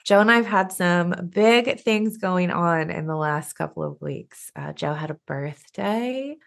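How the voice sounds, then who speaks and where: A woman's voice: fairly low pitch, unhurried, vocal fry. A woman in her thirties co-hosting a podcast, chatting casually and laughing often. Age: 30s. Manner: friendly, laughing often, upbeat. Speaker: podcast co-host. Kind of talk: casual chat.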